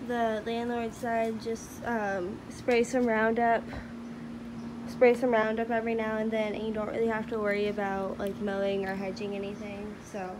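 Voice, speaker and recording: A young woman in her twenties with a slightly high voice chats upbeat as she walks through a bare apartment with a phone camera. The empty rooms ring with echo, and a faint hiss sits underneath. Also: completely flat delivery, normal speed. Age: 20s. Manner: chatty, upbeat, says "cute little" a lot. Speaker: vlogger. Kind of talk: casual house-tour vlog. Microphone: handheld phone camera.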